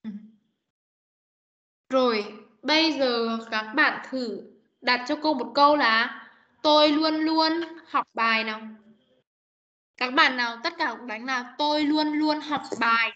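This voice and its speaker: Bright and forceful, a high-voiced woman English teacher speaks at a measured pace with frequent pauses during an online class. She patiently coaches young students on pronunciation, modelling each sound over and over on a video call with dull, muffled audio.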